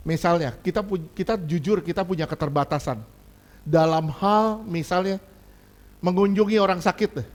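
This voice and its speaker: Male pastor, higher-pitched voice, lively conversational sermon delivery with loud punches and quiet asides. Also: moderate pace. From Indonesia.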